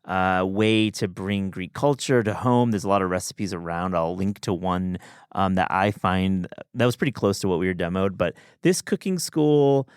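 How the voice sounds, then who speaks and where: A man's voice: sits low, moderate pace, clean tone, no room sound, clean studio sound. A man hosting a podcast, talking in an enthusiastic, chatty way with many restarts. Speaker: podcast host. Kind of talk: casual chat.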